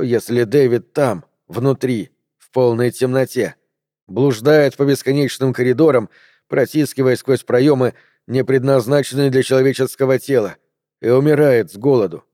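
Mellow-voiced male audiobook narrator. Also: medium pitch, normal speed, no echo, studio quality. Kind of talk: scripted narration.

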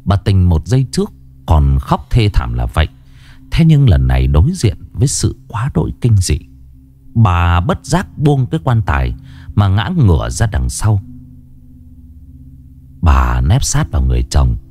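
Guy telling a ghost story, low dark voice, music under it. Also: a little slow, pauses often. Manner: expressive, swinging pitch. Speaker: horror story narrator. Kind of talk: dramatic ghost story narration. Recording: narration over background music.

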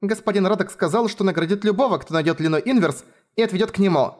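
A man's voice: high-pitched, fast, darkish tone, pitched above the performer's own voice, close to an everyday voice. A man voicing a cheeky village boy who speaks eagerly and politely. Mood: timid. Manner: eager and polite, then stammering.

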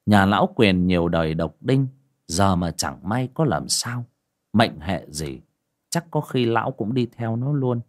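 A man narrating a horror story in an expressive, dramatic way. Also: fairly low pitch, measured pace.

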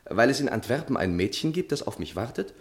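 An actor performs a weary, hard-drinking young charmer in the theatrical, cajoling manner of a 1960s German radio play. His male voice is medium-pitched, sing-song, and a little fast, with a cajoling, defensive mood.

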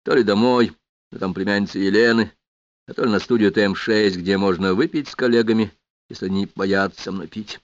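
A man reading a novel aloud in a measured, dramatic first-person narration, in a dry, slightly muffled recording. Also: fairly low pitch, no echo. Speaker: audiobook narrator.

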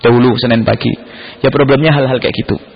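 Husky-voiced man preaching in an echoey hall. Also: medium pitch, quick pace. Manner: animated storytelling, acts out family members in quotes. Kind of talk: sermon. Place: mosque gathering hall. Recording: echoey hall, dull lo-fi sound.

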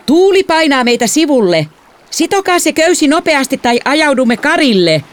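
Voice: medium pitch, a little mellow, natural voice. A woman voicing a stern father in an audiobook, giving commands. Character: stern father shouting from a boat.

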